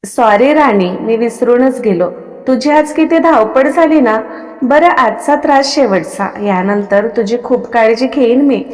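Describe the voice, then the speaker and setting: Arrogant rich young man, read by a woman: curt and cold, voice rather high, reverberant. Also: measured pace, a little mellow, lightly acted. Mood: gentle. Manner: cold and curt, orders people around. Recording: long reverb on the voice.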